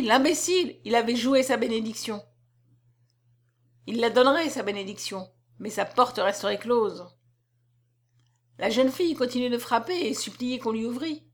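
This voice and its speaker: Woman reading a novel aloud dramatically. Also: a little high. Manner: dramatic, expressive narration. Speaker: narrator.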